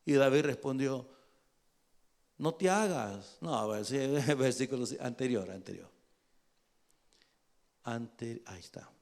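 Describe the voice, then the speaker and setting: A man's voice: medium pitch, a little slow, pauses often, darkish tone. A male pastor preaching a sermon in a conversational way, checking in with his listeners and joking as he goes.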